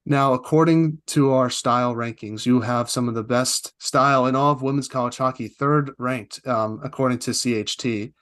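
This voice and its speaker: A young man hosts a casual sports podcast. He has an easygoing, slightly halting way of talking and a mid-range pitch, and he leans on "uh" and "sort of" often. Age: young adult. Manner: relaxed, hesitant, frequent "uh" and "sort of". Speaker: podcast host. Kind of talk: casual interview chat.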